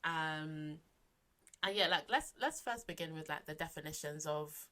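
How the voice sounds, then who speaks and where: A woman co-hosts a casual podcast chat, her voice sitting notably low. She talks loosely, laughs often and trails off into restarts. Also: unhurried, bright, forceful tone. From London. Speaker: podcast co-host.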